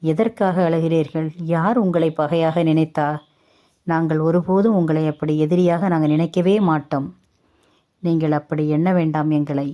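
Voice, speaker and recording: A woman voicing a kind younger sister-in-law in a spoken story, speaking in a gentle, pleading way. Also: low-pitched, fairly even intonation, moderate pace, lightly acted.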